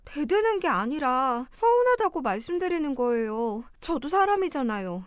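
Woman playing a hurt young daughter-in-law, polite, pleading, kinda high voice. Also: sing-song, normal speed, dry recording, clean studio sound. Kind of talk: audio drama acting.

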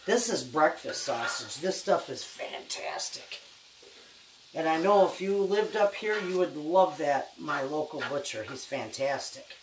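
Her voice sits low with lively intonation and she speaks a little slowly: an older woman giving a folksy cooking demonstration in her home kitchen. This cooking show host keeps things homespun and chatty, talking toward a camera a few feet away at the stove. Background noise and echo from the distant mic are audible.

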